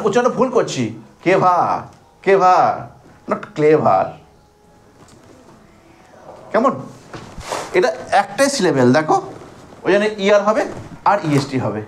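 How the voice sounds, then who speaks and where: A high-pitched male teacher with a Bengali accent runs a grammar class. He calls students by name and asks them questions. He stretches words out to count their syllables, over a light background hiss. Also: darkish tone. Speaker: English teacher.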